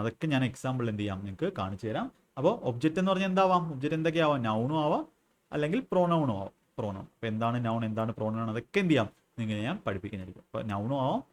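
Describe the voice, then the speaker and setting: A man with a Malayali accent teaches an exam-prep English grammar lesson at a mid-range pitch. He keeps posing questions to his students and answering them himself. He repeats key terms again and again as he drills them. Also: a little hiss or hum.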